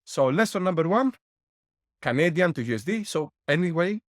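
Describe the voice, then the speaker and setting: A middle-aged guest from Greece who publishes board games gives animated interview answers at a moderate pace in a fairly high voice. Step by step he breaks down costs with worked numbers and lessons, now and then laughing wryly. He's recorded on a dry close mic.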